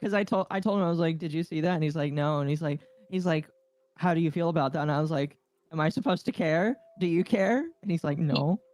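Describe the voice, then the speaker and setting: A woman with a low-pitched, slightly mellow voice talks quickly, with no echo, over background music. She's a podcast co-host in casual chat, with a teasing, mock-serious manner.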